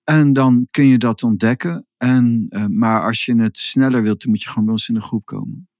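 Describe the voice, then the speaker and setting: A man co-hosting a podcast, explaining spiritual ideas in an unhurried, reflective way. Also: medium pitch, steady tone, darkish tone, no room sound, clean studio sound. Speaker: podcast host. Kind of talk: casual podcast conversation.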